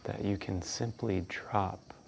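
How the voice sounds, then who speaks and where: Calm guy doing guided breathwork, hushed n really slow, flat even tone, long pauses. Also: lowish voice, vocal fry, a little hiss or hum. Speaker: breathwork instructor. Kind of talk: guided meditation instruction.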